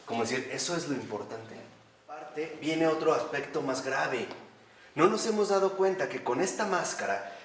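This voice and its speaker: A man giving a spiritual lecture to a class, animated, asking rhetorical questions and answering them himself. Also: a little high. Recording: roomy echo from a distant mic.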